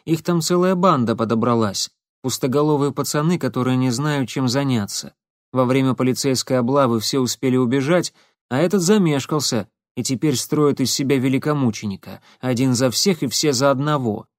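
A man's voice: medium pitch, fairly quick, no echo, natural voice. Young woman investigator, cool and reproachful, as read by a male narrator; dry audiobook sound. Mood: calm reproach.

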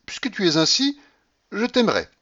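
A teasing, coaxing young coquette, as a male audiobook reader puts her on exclaims in a raised voice with lively swings of pitch. She wheedles and flatters, dropping low only for effect. The recording sounds dull and lo-fi. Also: normal speed, heavily acted. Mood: cajoling.

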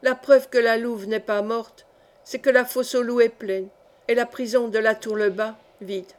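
Woman narrator voicing an easygoing, wry young outlaw man, steady and a little emphatic, higher pitched. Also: unhurried, lightly acted. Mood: assured. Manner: calm and good-natured, mildly emphatic. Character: calm, wry young male forest smuggler.

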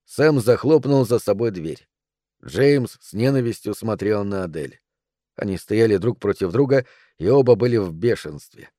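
A man reading a novel aloud in a calm, measured way. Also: fairly low pitch, dry recording, clean studio sound. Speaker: audiobook narrator.

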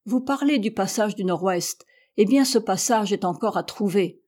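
A woman's voice: mid-range voice, moderate pace, a little mellow, close to an everyday voice. A woman voicing a stubborn, proud American explorer who argues insistently and heatedly.

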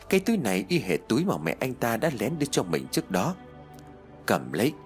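Man, horror audiobook narrator, lowish voice, animated delivery, faint background music. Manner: lively, voicing dialogue with higher pitch. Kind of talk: first-person horror story narration.

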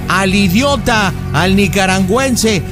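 A man's voice: sits high, slow pace, over music. A man playing a furious, insulting Mexican father on a prank call, with a Mexican accent. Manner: shouting insults, indignant, crude.

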